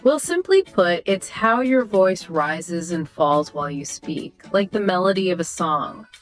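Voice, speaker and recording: A woman co-hosting a scripted podcast dialogue, explaining ideas in a clear, teacherly way. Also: fairly low pitch, lively intonation, unhurried, poor audio. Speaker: podcast co-host. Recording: soft music behind the voice.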